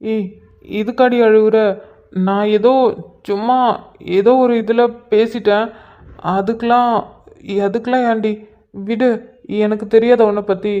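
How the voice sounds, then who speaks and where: A man voicing a gentle, devoted young husband in a cartoon, coaxing and soothing his crying wife. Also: high-pitched, little pitch movement, a little slow, long pauses, clean tone, narrow, tinny audio. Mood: soothing, tender.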